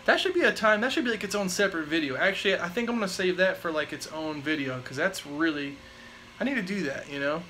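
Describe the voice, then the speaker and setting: A man's voice: high-pitched, quick pace, slight background noise, poor audio. A man in his twenties, chatting casually and rambling through live viewer questions with lots of fillers. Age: 20s. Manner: rambling, filler-heavy, relaxed. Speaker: vlogger answering live chat.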